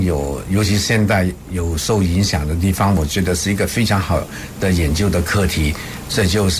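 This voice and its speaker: Older man, professor, low voice, hesitant conversational answers, clear ambient noise. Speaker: professor being interviewed. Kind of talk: conversational interview.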